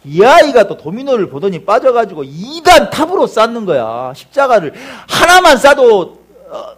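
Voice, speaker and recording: A man preaching a sermon as pastor, telling a story with acted-out voices and sound effects and calling out to the congregation for replies. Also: high voice. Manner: animated storytelling, acts out crowd cheers and crashes.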